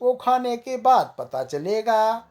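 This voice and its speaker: A narrator voices a bumbling village inventor man, grinning and proud of every failed idea. His voice jumps up high and excited, words stretched out slowly, told as a comic storybook tale. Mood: boastful.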